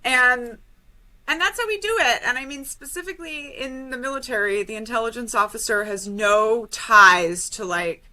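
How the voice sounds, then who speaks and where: Woman on a podcast rattling off stories, bright sharp voice, keeps cutting herself off. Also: on the high side. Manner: animated, quick storytelling with self-interruptions. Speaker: podcast guest, author and former Army intelligence officer. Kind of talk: casual interview talk.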